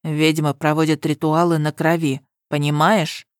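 Low cold commander guy, a woman reading him, flat and bossy, dry close sound. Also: moderate pace, no echo, lightly acted. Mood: grave. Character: stern suspicious young male guard commander. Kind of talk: audiobook character reading.

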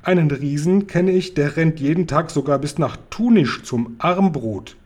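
A man reading a children's book aloud, voicing a huge, kindly, muddle-headed male giant who booms and mixes up his words. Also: a little slow, a little mellow. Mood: blustering.

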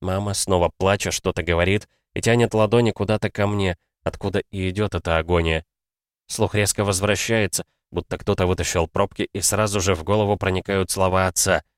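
A man narrating a first-person story in a measured, subdued way. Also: sits low, fairly even intonation, no room sound, studio quality. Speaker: audiobook narrator.

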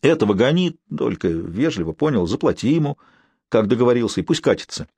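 A man's voice: medium pitch, very animated, a little fast, mellow, husky, no echo. A male narrator voicing an irritated, skeptical boss who talks sarcastically. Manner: exasperated, sarcastic. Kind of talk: audiobook character voice.

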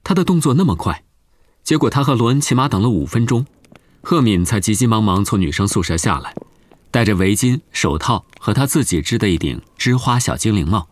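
A man narrating a novel as an audiobook in a steady storytelling manner. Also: on the low side, a little fast.

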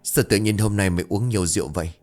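A man's voice: on the low side, racing, darkish tone, soft background music, close to an everyday voice. A man voicing a concerned middle-aged father questioning his injured son. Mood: worried. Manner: worried, questioning.

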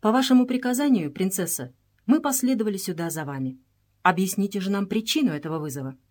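A proud nobleman of high rank, formal and demanding as he addresses royalty, put on by a woman reading a storybook aloud. His voice sits raised and firm against the narration. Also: expressive, fast talker, darkish tone, lightly acted.

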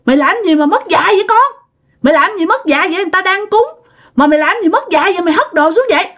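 Lady putting on a screechy angry auntie in a ghost story, high and loud, yelling fast. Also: sing-song, full character voice. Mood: furious scolding. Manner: shouting, scolding. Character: angry pious middle-aged aunt, scolding.

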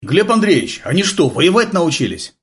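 A man voicing an excitable young male fighter who shouts nervously and indignantly, in an audiobook. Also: high voice, normal speed, pitched above the performer's own voice. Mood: nervy outburst.

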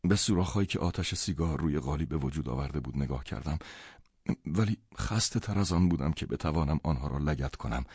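A man reading a novel aloud as an audiobook narrator, in measured first-person storytelling. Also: very deep voice, lively intonation, a little mellow, breathy edge, no room sound, clean studio sound.

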